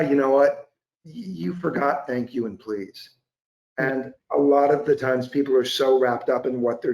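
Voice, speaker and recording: A man in his forties talking on a video call from home, telling a story with impassioned, animated energy. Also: mid-range voice. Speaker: guest. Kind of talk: casual interview chat. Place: home room with large windows. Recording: echoey room.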